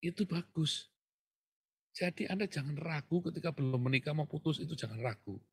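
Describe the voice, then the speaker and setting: Male pastor, husky, dry close sound, chatty sermon storyteller with sudden loud stresses. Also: on the high side, brisk, no room sound. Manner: conversational storytelling, swings from quiet to loud emphasis.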